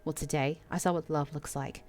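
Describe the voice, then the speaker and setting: An Australian woman voicing a dramatic, sharp-tongued female ghost in a dating game. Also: low voice, fairly even intonation, fairly quick, close to an everyday voice. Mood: scornful. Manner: theatrical, emphatic.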